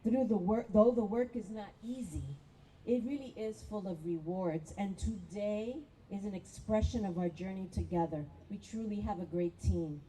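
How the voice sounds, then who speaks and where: A woman's voice: mid-range voice, normal speed, warm tone, a little hiss or hum, poor audio. A woman school principal giving a heartfelt, emotional graduation speech into a podium microphone. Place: graduation ceremony.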